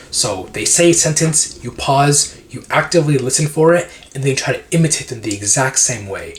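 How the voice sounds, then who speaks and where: A man giving laid-back advice to language learners in a lively, slangy voice. He chats straight to the camera like he is talking to friends, with frequent laughs. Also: mid-range voice. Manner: energetic, slangy, laughs often. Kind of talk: casual educational video.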